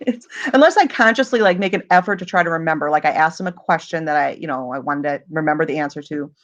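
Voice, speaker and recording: A woman's voice: low voice, animated, fast talker, highs cut off. A woman hosting a casual livestream Q&A, chatty and rambling, often laughing as she talks. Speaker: livestream host.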